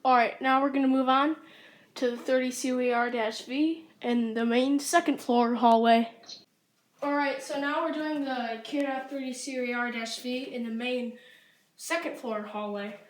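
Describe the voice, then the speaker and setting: A woman's voice: high-pitched, steady tone, measured pace. A woman hosting a casual amateur vlog, narrating each step as she goes indoors. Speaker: host testing home alarms. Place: indoors in a house. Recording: faint noise, amateur home recording.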